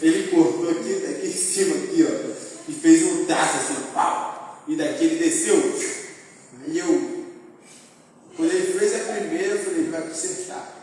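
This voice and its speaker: A young man tells a humorous personal testimony from the pulpit, with animated storytelling and rhetorical questions to the congregation. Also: a little high, normal speed, pauses often. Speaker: youth speaker. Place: church hall. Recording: echoey church hall from far off with faint noise.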